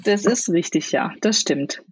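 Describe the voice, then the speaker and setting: A woman's voice: lowish voice, unhurried, slightly rough, dry recording. A woman in her thirties, a wedding planner, explaining things at length in a casual podcast chat, with many fillers. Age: 30s.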